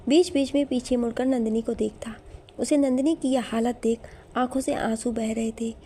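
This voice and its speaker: A woman narrating an emotional story in a gentle, measured way. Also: on the high side, steady tone, a little hiss or hum.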